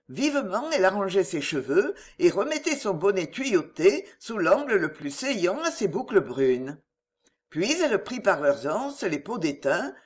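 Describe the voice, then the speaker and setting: A reader narrating a classic novel chapter in a measured, expressive way. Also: mid-range voice. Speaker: audiobook reader.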